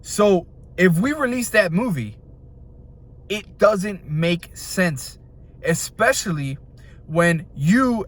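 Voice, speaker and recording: A young man hosting an opinion video, venting in a frustrated, animated way and jumping from point to point. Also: a little high. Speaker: video host.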